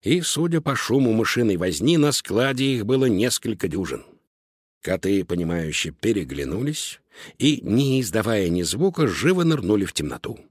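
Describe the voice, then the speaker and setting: A man narrating a children's storybook in an expressive, lively reading. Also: lowish voice, moderate pace, breathy edge, no room sound, clean studio sound. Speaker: audiobook narrator.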